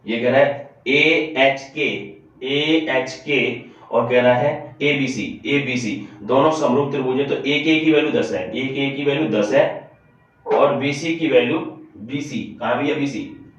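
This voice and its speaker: A man's voice: mid-range voice, unhurried. A man teaching math to students in a classroom-style lesson. He repeats each step aloud and keeps calling on the students to listen closely. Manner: repetitive, addresses students often, walks through steps aloud. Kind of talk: classroom-style lesson solving board problems. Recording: echoey room from a distance, dull lo-fi sound.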